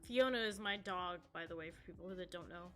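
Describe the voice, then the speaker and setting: A woman's voice: on the low side, brisk, sharp tone, faint music behind. A woman in her thirties chatting casually on a live stream, answering viewers in a rambling, chatty way. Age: 30s. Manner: chatty, rambling, reading chat aloud.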